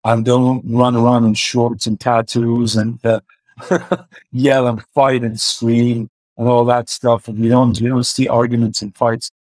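On a video call from his home, this car filmmaker guest in his forties talks with a blend of Iranian and Swedish accents, hesitant and full of fillers. His mid-range voice is slightly mellow, with a flat delivery at a measured pace. Picked up by a webcam, the audio is poor but carries no room sound.

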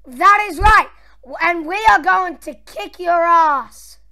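Fan-dub casting: woman as a high, slow, taunting boss-fight villain. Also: sharp tone, no echo, full character voice. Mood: boastful. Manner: taunting, trash-talking. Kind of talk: amateur fan voice acting.

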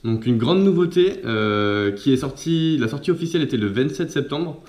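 A man's voice: mid-range voice, animated, normal speed, darkish tone. A man casually talking through an unboxing for his own vlog, chatty and laughing at himself. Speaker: vlogger. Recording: roomy echo.

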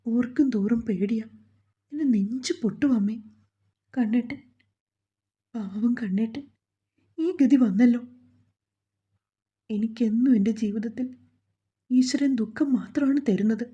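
A woman's voice: mid-range voice, lively intonation, normal speed, long pauses, dark tone, breathy edge, lo-fi sound. A woman voicing a frightened, tearful young pregnant woman who talks in a plaintive, fearful way. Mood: tearful, afraid.

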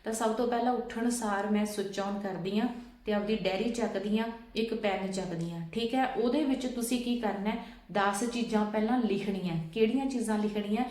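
A woman's voice: mid-range voice, a little fast, darkish tone, roomy sound. A woman vlogger patiently explaining steps and often checking that listeners follow. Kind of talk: casual instructional talk.

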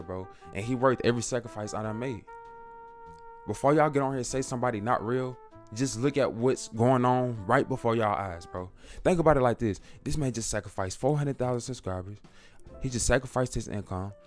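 A young man, a YouTube creator, talking casually to camera about faith, preachy and slangy, calling viewers bro. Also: medium pitch.

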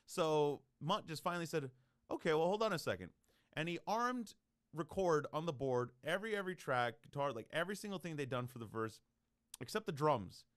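A male podcast host in casual conversation with rock musicians. His voice is a little high and swings widely in pitch as he tells stories with animated energy. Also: brisk. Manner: animated storyteller, laughs often. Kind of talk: casual interview chat.

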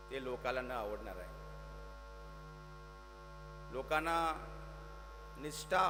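Maharashtrian man's high-pitched rally speech, heavily reverberant. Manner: exhorting, emphatic, rhetorical repetition. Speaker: political speaker. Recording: long hall reverb, mains hum, music behind.

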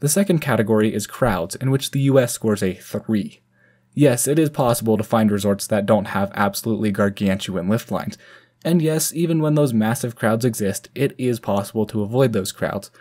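A man's voice: on the low side, moderate pace, darkish tone. American man hosting a ski review. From United States. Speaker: channel host. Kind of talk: scripted voice-over narration.

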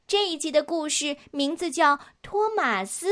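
A woman's voice: high voice, animated, normal speed, fairly bright tone. A woman narrating a children's story in a playful, sing-song storyteller's manner.

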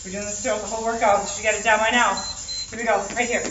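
A woman's voice: medium pitch, level tone, racing, fairly bright tone. A young woman working as an aerobics instructor, exercising as she calls out counts and short, repeated motivating commands. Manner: exerting while talking, jumping and stepping. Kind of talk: workout class instruction with counted cues. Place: large mirrored indoor fitness studio. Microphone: far camera. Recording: echoey studio, distant dull mic, music playing. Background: workout music.

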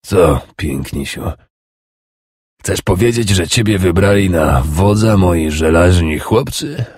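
A man voicing an old wounded Danish king who is scornful and bitter, with a rasping, contemptuous growl. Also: low voice, lively intonation, slow pace, a little mellow, dry recording, clean studio sound, exaggerated voice.

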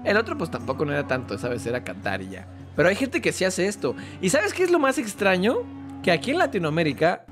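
Mexican gamer guy, playful chatty commentary, animated higher voice, music under it. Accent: Mexican Spanish. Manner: joking, chatty, talks to the game character. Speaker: gaming YouTuber. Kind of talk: casual gameplay commentary.

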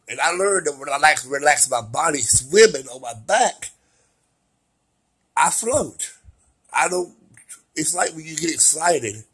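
Exuberant man with a husky, bright voice. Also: a little high. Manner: exuberant, laughs often, swings between quiet and loud. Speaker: vlogger sharing his recovery. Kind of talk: casual personal vlog.

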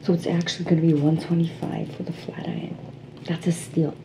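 A woman's voice: lowish voice, brisk, close to an everyday voice. Woman playing a gum-chewing Jersey saleswoman, whispered role-play. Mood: chatty, pitching. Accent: New Jersey. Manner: chewing gum, reassuring, flattering sales patter. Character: pushy flattering female Jersey salon sales associate. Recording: clearly noisy background.

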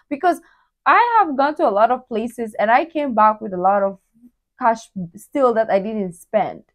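A woman's voice: high-pitched, a little mellow. A young woman from the Philippines hosting a reaction video at home in her bedroom, chatting casually and cutting in with curious questions. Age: young adult.

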